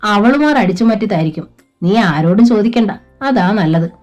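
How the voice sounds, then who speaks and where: A woman's voice: medium pitch, lively intonation, normal speed, a little mellow, soft background music, close to an everyday voice. A woman voicing a shy but scheming young convent worker in a storybook reading. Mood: eager.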